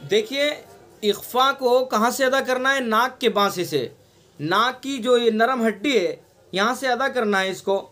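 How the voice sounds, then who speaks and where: Slow, high-voiced Delhi Urdu teacher. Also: male voice, bright, forceful tone, faint music behind. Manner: patient, repeats examples slowly and stretches nasal sounds. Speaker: Quran recitation teacher. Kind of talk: online tajweed lesson. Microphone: online class recording.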